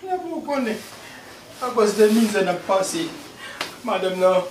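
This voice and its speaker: A man with a Haitian accent playing an older friend who quietly consoles a grieving widower. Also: sits high, lively intonation, measured pace. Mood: consoling. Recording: echoey and distant with faint hiss.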